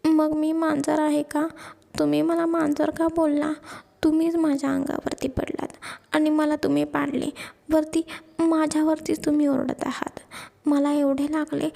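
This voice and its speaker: A woman voices a young woman in a storybook, hurt and weeping as she scolds. The voice runs high and pleading, with a gravelly catch. It has a long, hall-like echo. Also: flat delivery, measured pace, dark tone. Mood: tearful complaint. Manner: tearful, whiny, high and pleading. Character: young woman Pihu, hurt, crying, childlike.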